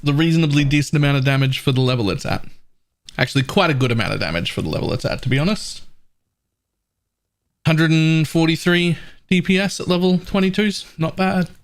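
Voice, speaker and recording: Man, fairly high voice, casual live game commentary, thinks aloud, explains choices. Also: brisk. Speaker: streamer.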